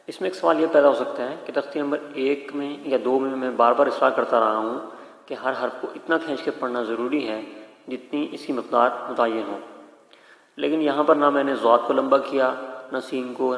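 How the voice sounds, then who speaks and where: Gravelly man teaching Quran pronunciation. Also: mid-range voice. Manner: patient, explains then drills letters slowly and deliberately. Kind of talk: slow spoken tajweed lesson with drilled syllables. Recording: echoey room with long reverb.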